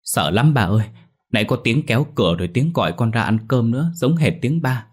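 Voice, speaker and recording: A man's voice: medium pitch, animated, fairly quick, darkish tone, breathy edge, pitched above the performer's own voice. A man voicing a frightened teenage girl who pleads in a trembling way in a ghost story reading.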